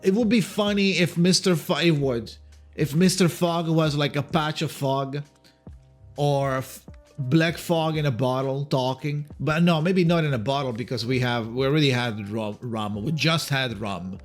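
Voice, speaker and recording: A man's voice: on the high side, measured pace, soft background music. A man giving casual, speculative video commentary, rambling and hesitant, repeating words and swearing lightly. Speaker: video creator giving game news.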